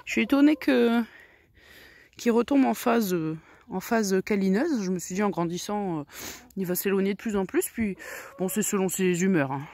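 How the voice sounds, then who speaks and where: A woman's voice: medium pitch, moderate pace, darkish tone, no echo. Woman cooing to her backyard hens. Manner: coos fondly and talks baby-talk to her birds. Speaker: backyard poultry keeper. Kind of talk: casual vlog chatter to her hens. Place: outdoors in a garden henhouse. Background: chickens and a rooster clucking.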